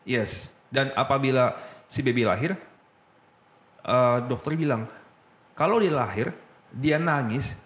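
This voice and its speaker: A man casually telling his personal story as a guest, slipping English phrases into his talk and getting animated as he recounts. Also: medium pitch, slow, long pauses.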